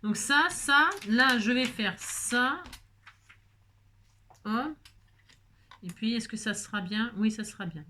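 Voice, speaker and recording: A woman's voice: fairly high pitch, slow pace, pauses often, pushed and bright, slight background noise. A woman talking casually while making a card, chatty and self-mocking with frequent exclamations. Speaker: crafting vlogger. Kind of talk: chatty crafting tutorial.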